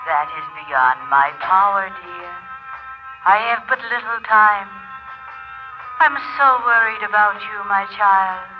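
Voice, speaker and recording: An actress playing a dead mother's spirit in a slow, doting ghost voice, in old radio drama style. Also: mid-range voice, natural voice. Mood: tender, worried. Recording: dull lo-fi old radio recording, loud music.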